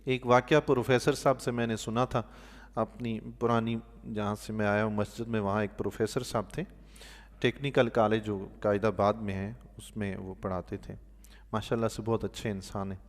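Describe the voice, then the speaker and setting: A male mosque imam delivers sermon-style Quran commentary, telling stories in a fairly low voice that echoes as if in a big room. He is an animated storyteller whose voice swells loudly on emphatic points, then drops to a soft, quiet tone for pious exclamations.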